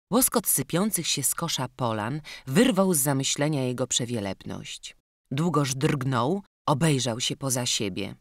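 A woman narrating an audiobook of a children's classic in an expressive storytelling manner. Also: extremely low pitch, no echo, clean studio sound. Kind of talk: scripted narration.

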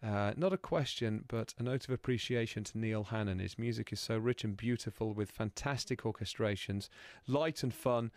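A man's voice: on the low side, moderate pace, hardly any pauses, a little mellow, no room sound. A man hosting a radio show in a studio, chatting with his guest and reading out listener messages. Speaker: radio host. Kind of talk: radio phone-in interview. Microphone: studio microphone.

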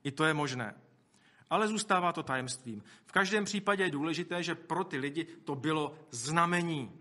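A male preacher giving a sermon in a bright, forceful voice that sits a little high. He talks to the congregation in a conversational way, with asides, and acts out the quotes he tells.

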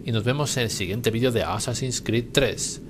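A man's voice: mid-range voice, moderate pace, background noise. A man with an accent from Spain giving casual, informal gameplay commentary as a video host. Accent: Spain Spanish. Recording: commentary under loud game sound.

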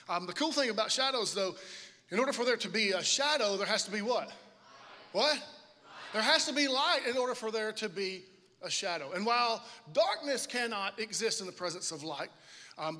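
High-voiced, bright pastor in a big hall. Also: male voice. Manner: casual, joking, calls out to the congregation. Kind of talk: sermon. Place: large church auditorium stage. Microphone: handheld microphone. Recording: long hall reverb of a large auditorium.

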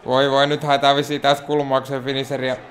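A man from Finland giving excitable, self-mocking let's play commentary on a wrestling game, talking to the characters on screen. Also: medium pitch, slight background noise. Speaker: gaming YouTuber.

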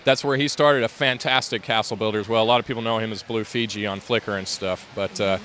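A lowish, fast voice with fairly even intonation and a bit of brightness comes from a man discussing his LEGO build indoors at a convention. It's a casual interview, he rambles with many fillers and restarts, and there's slight background noise.

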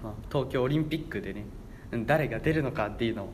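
A man's voice: mid-range voice, rapid-fire, a little hiss or hum. A young man around eighteen hosting a casual radio chat in a rambling, stumbling way, often repeating himself. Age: young adult, about 18. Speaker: radio show host.

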